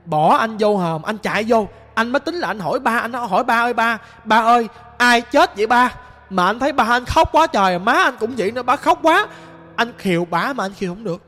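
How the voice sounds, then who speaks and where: The sorrowful ghost of a young man, as a male storyteller puts him on, recounts in a rambling, halting way with a Southern Vietnamese accent. The voice sits high, ringing in long reverb over faint music. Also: a bit bright. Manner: plain, rambling recounting with many restarts.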